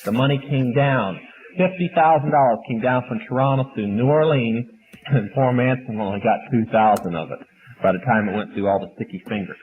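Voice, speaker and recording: A man lecturing an audience and taking questions in a matter-of-fact, flat delivery, heard on an old archive recording. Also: mid-range voice, fairly quick. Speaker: speaker at a question session. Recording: old tinny archive recording with faint hiss.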